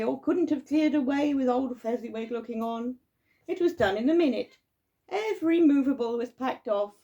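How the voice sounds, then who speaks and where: A woman reading a classic story aloud live, expressive, with occasional fumbled words. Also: high-pitched, vocal fry. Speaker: reader.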